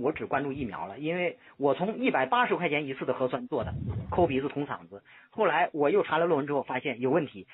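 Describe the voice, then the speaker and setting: A man on a landline phone call, talking insistently and lecturing the listener as he pleads for help. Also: medium pitch. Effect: heard over a landline phone line. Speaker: caller seeking help. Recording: tinny phone line, husky.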